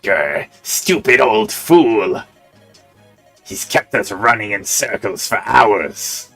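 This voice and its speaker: A man voicing a gruff, greedy male bandit who sneers and blusters. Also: fairly low pitch, sing-song, slow, fairly bright tone, soft background music, heavily acted. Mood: gloating.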